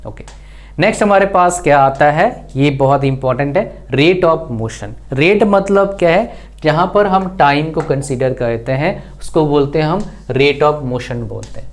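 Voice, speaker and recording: A man's voice: a little high, measured pace. A male teacher gives an online exam-prep physics lesson. He keeps asking rhetorical questions and then answers them himself. He drops terms into his talk. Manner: mixes English terms into Hindi.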